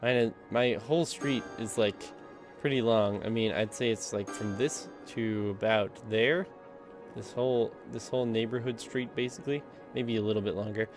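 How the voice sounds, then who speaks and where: A man's voice: lowish voice, steady tone, moderate pace, music in the background. A young man casually commenting on his gameplay, rambling with lots of fillers and breaking into giggles. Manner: giggly, laughs a lot and coughs from laughing. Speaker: gaming channel host.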